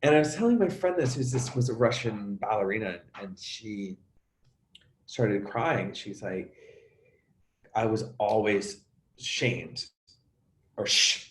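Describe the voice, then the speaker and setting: Animated man in an echoey room. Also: fairly low pitch. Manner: animated, halting, many restarts and acted-out sounds. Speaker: actor and coach, interview guest. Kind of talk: emotional conversational interview.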